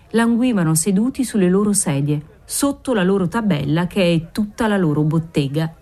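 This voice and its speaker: A woman narrating a classic novel aloud in a measured, descriptive reading. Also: lowish voice, mellow. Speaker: audiobook narrator. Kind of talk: scripted narration.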